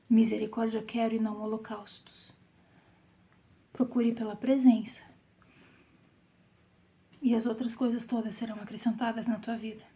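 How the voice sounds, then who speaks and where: A woman with a Brazilian Portuguese accent leading a Bible study, reading scripture aloud and explaining it, sometimes dropping to a soft whisper for emphasis. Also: fairly high pitch. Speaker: Bible teacher.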